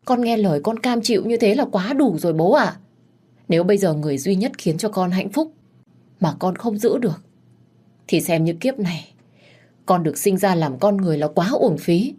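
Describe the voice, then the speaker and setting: A young woman, tearful yet defiant, pleads with emotion in an audiobook story, voiced by a woman narrator. Her voice sits a touch higher than the narration. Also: lively intonation, normal speed, mellow, husky.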